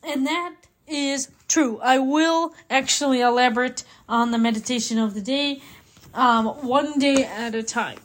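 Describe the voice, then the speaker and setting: Chatty woman podcaster, upbeat, a little high. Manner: chatty and upbeat, sprinkles Spanish words. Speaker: podcast host. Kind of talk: casual podcast reading and reflection.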